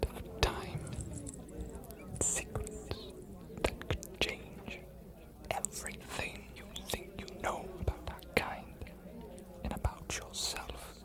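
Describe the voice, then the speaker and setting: This is a woman's natural-voiced take on an ancient vampire scholar who keeps archives, made for fantasy ASMR roleplay. She whispers deliberately, pausing with weight, sounding cryptic yet inviting in a hushed, sincere mood.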